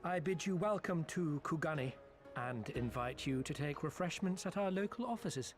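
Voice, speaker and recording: A flamboyant game merchant, voiced by a man with a high voice that swoops up and down as he fawns and teases. He is heard in game audio with faint music underneath. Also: expressive, moderate pace, lightly acted. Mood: courteous. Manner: showy, teasing and overly courteous. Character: smooth, theatrical male merchant envoy.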